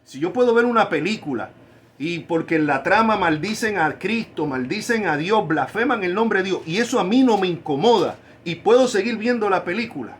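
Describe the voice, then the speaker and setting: A man preaching a sermon, stressing key words by drawing them out slowly. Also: high voice, animated, slight background noise. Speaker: pastor.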